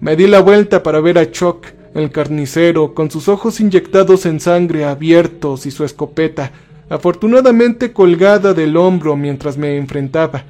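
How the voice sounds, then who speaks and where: High-voiced man narrating a horror tale. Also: normal speed, darkish tone. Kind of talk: first-person horror story narration.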